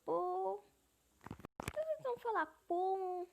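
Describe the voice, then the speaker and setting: A young woman with a Brazilian Portuguese accent chatting excitedly while she plays an online game, reading chat and dropping into whispers. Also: very high voice, slow, gravelly. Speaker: gaming YouTuber. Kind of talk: casual gameplay commentary. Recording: noisy home recording.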